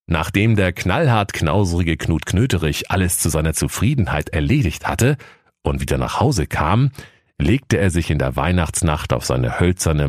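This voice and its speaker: A man tells a comic fairy tale with playful, mock-solemn relish. His voice is extremely deep. The recording is dry and close. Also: no echo. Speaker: narrator. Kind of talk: comic scripted narration.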